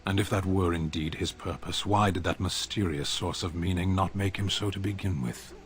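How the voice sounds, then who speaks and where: A man playing a stoic, blunt foreign warrior in a video game, speaking in terse, formal, deadpan phrases. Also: sits low, moderate pace, lightly acted. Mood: stern. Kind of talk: video game character dialogue.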